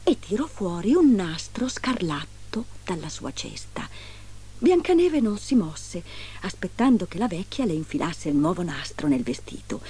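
A woman reading a fairy tale aloud in an expressive storytelling manner. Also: medium pitch, breathy edge.

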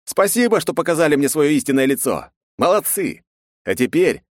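A man voicing an angry young male hero who shouts down a hostile crowd with sarcasm. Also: on the high side, sing-song, moderate pace, no echo, studio quality, pitched above the performer's own voice. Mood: bitter.

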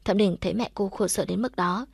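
A woman narrating a story for an audiobook in a steady, even reading. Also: medium pitch, a little fast, gravelly, breathy edge, no room sound, clean studio sound.

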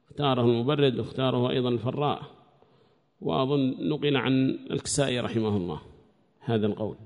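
A man's voice: mid-range voice, darkish tone, in a large hall. A man giving a scripture commentary lesson, explaining at length and repeating key phrases as he reasons aloud. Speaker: religious teacher.

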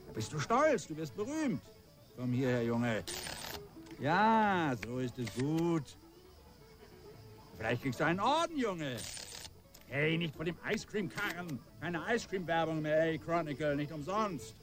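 An actor playing a pushy, excitable newspaper reporter in a radio drama. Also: male voice, on the high side, a little slow, faint music behind. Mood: coaxing.

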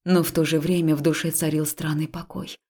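A woman reading a first-person story aloud, dramatic, slipping into hushed whispers for tense dialogue. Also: low voice, little pitch movement, a little fast. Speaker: audiobook narrator.

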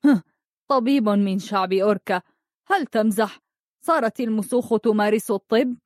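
A woman's voice: mid-range voice, moderate pace, dark tone, no echo, studio quality, lightly acted. A woman reading as a sneering young noble. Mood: scornful. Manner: sneering, sarcastic. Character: scornful young noble man, mocking.

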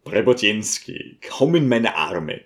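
A man voicing a smooth, scheming male visitor who talks in a coaxing, ingratiating way. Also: on the low side, sing-song, slow pace, fairly bright tone, full character voice.

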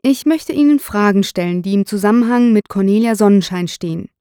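A woman's voice: medium pitch, fairly quick, warm tone, dry recording, clean studio sound, natural voice. A woman reading the part of a stern middle-aged male police detective who asks firm, probing questions.

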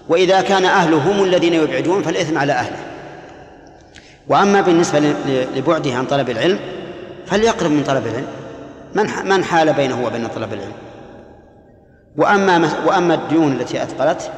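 A man, an Islamic scholar, answering questions in a religious lesson, explaining in a measured way and chanting quoted verses. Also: a little high. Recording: echoey hall with long reverb.

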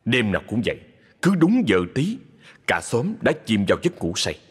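Husky-voiced man narrating a ghost story. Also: medium pitch, huge pitch swings. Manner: dramatic, slowing down for suspense. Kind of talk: scripted horror narration. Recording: husky voice in long reverb with music.

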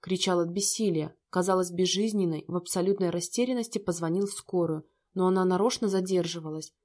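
A woman narrating a story, reading every part in a steady narrating voice. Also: fairly low pitch, a little fast.

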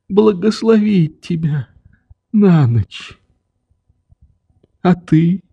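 A man's voice: high-pitched, gravelly, dark tone, breathy edge, highs cut off, voice pushed up, full character voice. A man doing a pleading old father. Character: old grieving father, tender, begging forgiveness. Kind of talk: audiobook reading.

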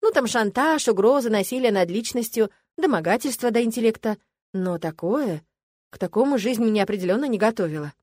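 A woman's voice: a little high, lively intonation, a little fast, darkish tone, no room sound, studio quality. A woman reading a first-person fantasy audiobook in a wry, sarcastic manner. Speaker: audiobook narrator.

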